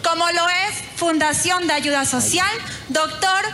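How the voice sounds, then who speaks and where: A woman's voice: very high voice, a little slow, pushed and bright. A woman in her twenties with an Ecuadorian accent, giving a formal, earnest pageant candidate speech. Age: 20s. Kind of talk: prepared speech. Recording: noisy recording with background ambience.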